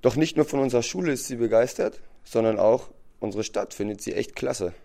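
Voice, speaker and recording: A man with a gravelly, fry-laden voice reads a scripted radio segment. His delivery is even and presentational, like a school radio report. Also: medium pitch, brisk.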